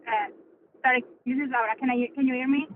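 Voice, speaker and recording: A woman's voice: sits high, steady tone, quick pace. Woman dialed in from her car on speakerphone, thin phone-line sound, faint road hum, lots of uhs. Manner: hesitant, frequent fillers. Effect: car speakerphone while driving. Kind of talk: remarks at a public agency meeting. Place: car, driving.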